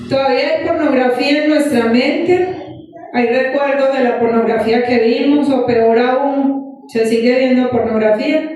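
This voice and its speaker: A high-voiced woman preaches an animated sermon and throws questions at the congregation. She is heard from some distance, with a strong echo from the church hall. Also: a little hiss or hum. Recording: echoey church from far off.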